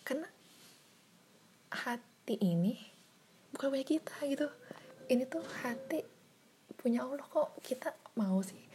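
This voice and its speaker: A woman's voice: on the high side, slight background noise. A young woman talking to herself in a casual, reflective way, often sliding into a whisper and repeating her questions. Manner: soft-spoken, drifting into whispers, filler-heavy and self-questioning.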